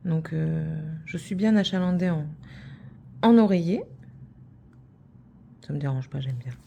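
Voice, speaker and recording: A woman chatting casually to her viewers about her craft projects, wandering from one thought to the next and teasing herself along the way. Her voice sits a little low and sounds soft and mellow rather than bright. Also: expressive, unhurried, gravelly, a little hiss or hum. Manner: chatty, rambling, self-teasing. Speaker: crafts vlogger.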